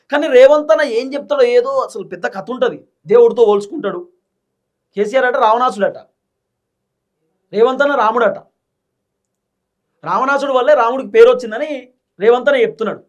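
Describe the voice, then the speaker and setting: A man with a Telangana Telugu accent giving a combative political commentary monologue, firing off rhetorical questions. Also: very high-pitched. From Telangana, India. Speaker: political commentator, channel host.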